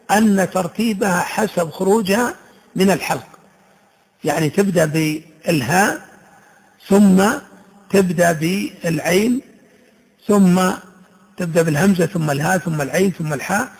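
A man teaching Quran recitation rules, explaining slowly and reciting each example word in a drawn-out way. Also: sits high, creaky, darkish tone, slightly rough, poor audio.

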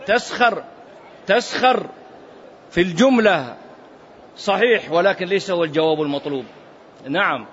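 A man teaching a religious class, quizzing his students with animated, mocking asides. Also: sits high, lo-fi sound, slight background noise. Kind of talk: classroom lesson.

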